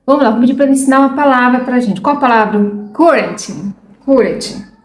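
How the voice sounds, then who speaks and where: Brazilian woman, 30s, casual vlogger, a bit high-pitched, frank and scattered, roomy echo. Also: very fast. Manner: chatty, frank, loses her train of thought. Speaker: vlogger learning English. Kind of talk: casual chat to viewers.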